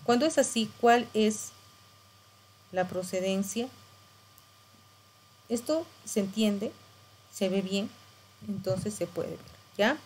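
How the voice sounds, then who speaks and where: A woman's voice: mid-range voice, slow pace, pauses often, darkish tone, husky, low-quality recording. A middle-aged woman teacher, explaining patiently and checking in with tag questions. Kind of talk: screen-share tutorial lesson.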